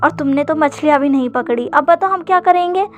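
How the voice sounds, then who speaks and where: A fretful young man who scolds his careless friend, read out by a woman narrator. His voice sits fairly high and the storybook telling runs over faint background music. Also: fairly quick, natural voice. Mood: scolding. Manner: scolding, complaining.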